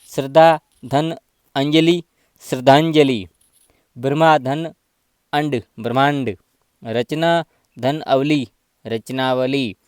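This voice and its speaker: A man's voice: medium pitch, smooth, dry recording, studio quality. A man teaching a grammar lesson, patiently spelling out examples one by one.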